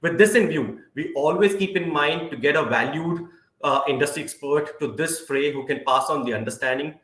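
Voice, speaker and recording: Give me a man moderating a session over a conference call, formal and measured, with a roomy echo on the line. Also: fairly high pitch, fairly bright tone. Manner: formal, measured, with frequent "uh" fillers. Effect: conference call audio. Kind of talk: hosting an online career webinar. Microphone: video call.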